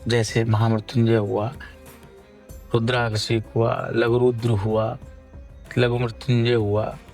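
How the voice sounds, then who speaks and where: A tired man speaking as a religious guru, measured and formal, pausing often with fillers. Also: mid-range voice, little pitch movement, vocal fry, a little mellow, faint music behind. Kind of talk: devotional discourse.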